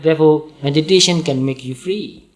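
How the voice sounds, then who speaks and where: A man from Burma with a Burmese accent, giving a calm, patient dharma talk and repeating points slowly. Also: fairly high pitch. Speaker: Buddhist monk teacher.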